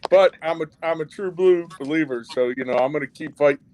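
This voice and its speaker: Guest man from Cleveland, slightly high voice, earnest, casual. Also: a little fast, background noise. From Cleveland, Ohio. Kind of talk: casual live-stream chat.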